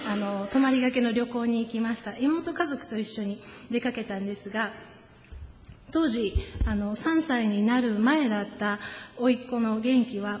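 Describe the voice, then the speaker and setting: Woman preacher, fairly high voice, reverberant church hall. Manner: gentle storytelling, slows down for solemn emphasis. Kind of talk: sermon with personal stories. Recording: echoey hall with long reverb.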